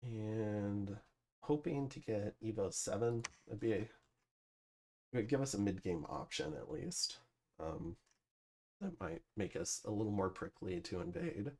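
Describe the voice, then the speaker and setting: A man's voice: fairly low pitch, lively intonation, unhurried, creaky, mellow, slight background noise. A man casually commentating over his strategy game turns, thinking aloud with plenty of fillers. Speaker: gameplay commentator. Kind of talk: casual let's-play commentary.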